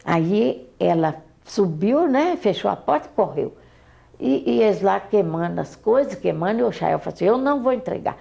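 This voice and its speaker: Gravelly older Brazilian woman, halting. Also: medium pitch, lively intonation, mellow. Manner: halting, repeats and restarts words. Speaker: interviewee, mother recalling her daughter. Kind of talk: oral history testimony.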